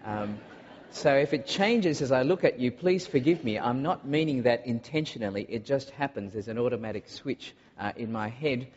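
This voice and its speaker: A man from Malaysia preaching a sermon to a congregation, earnest and often pausing on filler uhs. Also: mid-range voice, darkish tone, a little hiss or hum. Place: large church hall. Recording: dull recording in a long-echo hall.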